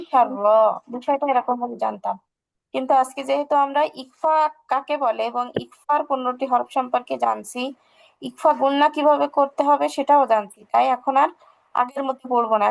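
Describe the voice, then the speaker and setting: High, gravelly female tajweed teacher. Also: low-quality recording. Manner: patient, asks questions and answers them herself. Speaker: Quran recitation teacher. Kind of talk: online tajweed lesson.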